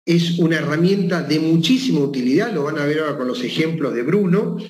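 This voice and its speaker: Higher-voiced man in an echoey room. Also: lively intonation, a little fast, a little mellow. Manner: ends points with a questioning tag. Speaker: speaker, surgeon. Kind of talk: medical talk. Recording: echoey room with faint noise.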